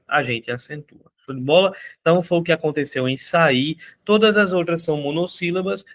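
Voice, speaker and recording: Energetic male teacher. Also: fairly high pitch. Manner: energetic, repeats key points, asks viewers questions. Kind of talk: exam-prep lesson.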